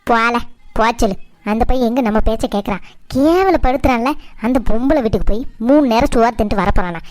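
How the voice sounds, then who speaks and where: A woman's voice: fairly high pitch, animated, brisk, a little mellow, no room sound, natural voice. A woman playing a scheming, middle-aged Tamil mother-in-law in a cartoon family drama, nagging and complaining in a southern Tamil Nadu accent. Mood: resentful, resigned.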